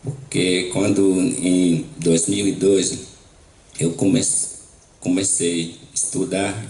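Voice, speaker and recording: Slow, gravelly man in an echoey hall. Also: deep voice, level tone, a little mellow. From Brazil. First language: Maxakali. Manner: slow and halting, tags most phrases with a question. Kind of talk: panel talk, retelling a traditional story. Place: university lecture hall.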